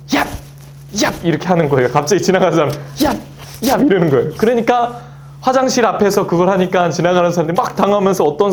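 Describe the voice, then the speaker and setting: A man's voice: fairly high pitch, a little mellow, a little hiss or hum. A man in his thirties preaching a Sunday sermon as pastor, acting out quoted voices and a child's play as he goes.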